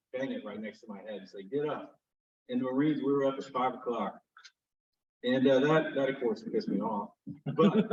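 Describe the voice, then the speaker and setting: A man's voice: on the low side, a little mellow, muffled recording. A man making club announcements and telling a story in a friendly, rambling way. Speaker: sergeant at arms. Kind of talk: casual club meeting announcements.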